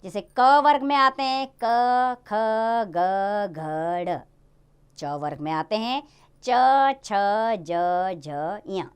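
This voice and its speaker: A woman teaching a Hindi grammar lesson to young children in a lively, sing-song way. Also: a little high, extremely slow, clean tone.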